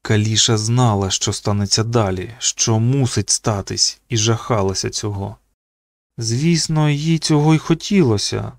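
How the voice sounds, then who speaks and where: A man narrating an audiobook in an expressive reading voice. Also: normal speed, no room sound. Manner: reads expressively, pitching up for the children's quoted lines.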